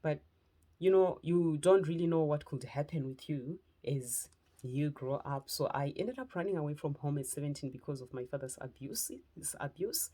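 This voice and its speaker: A woman's voice: deep voice, expressive, normal speed, dark tone. A woman from Zimbabwe with a Zimbabwean accent, giving an earnest personal testimony as a motivational speaker and lifestyle preacher. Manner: earnest, heartfelt, speaking in short phrases.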